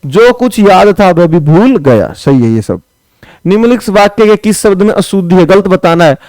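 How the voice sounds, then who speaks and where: Blunt male exam-prep tutor, high voice, crisp and dry, chides students. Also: lively intonation, moderate pace, a little mellow, dry recording, poor audio. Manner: blunt, chiding, calls students brother. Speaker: teacher. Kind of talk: exam-prep spelling lesson.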